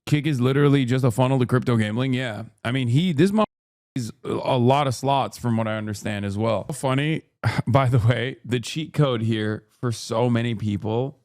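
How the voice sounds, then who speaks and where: A man's voice: medium pitch, darkish tone, no echo. A man in his thirties hosting a stream, giving rambling, emphatic, profane reaction commentary into a close mic. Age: 30s. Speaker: streamer host.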